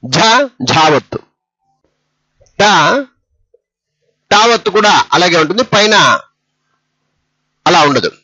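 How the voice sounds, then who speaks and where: A man's voice: sits high, animated, slow, long pauses, sharp tone, slightly rough, dry recording, highs cut off. A man teaching a step-by-step lesson on writing letters, patient and repeating each letter. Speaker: Telugu script teacher.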